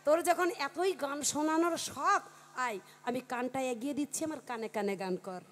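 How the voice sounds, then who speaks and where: A patient old grandfather and folk singer, as a woman storyteller puts him on speaks in a gentle, coaxing tone. The voice sits rather high. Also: normal speed, lightly acted.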